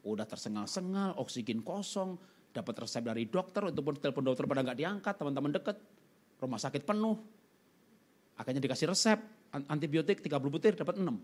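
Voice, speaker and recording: Animated middle-aged preacher. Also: male voice, on the high side, fast talker. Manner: animated storytelling, swinging from loud outbursts to hushed pleading. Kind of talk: sermon testimony.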